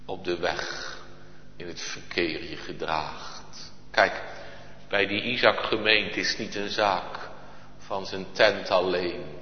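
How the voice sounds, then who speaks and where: A man's voice: on the low side, slight background noise. A man preaching a sermon in solemn, archaic churchly phrasing, rising at times to impassioned cries. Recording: lo-fi, echoey church hall recording.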